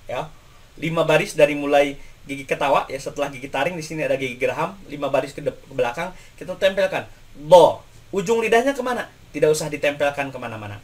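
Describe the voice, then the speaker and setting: Man teaching letter sounds. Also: on the high side. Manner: patient, demonstrates sounds by repeating syllables. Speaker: Quran recitation teacher. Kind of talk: explanatory lesson with spoken demonstrations.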